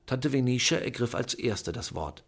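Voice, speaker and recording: Gravelly male audiobook narrator. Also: medium pitch, animated, moderate pace. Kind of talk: scripted narration.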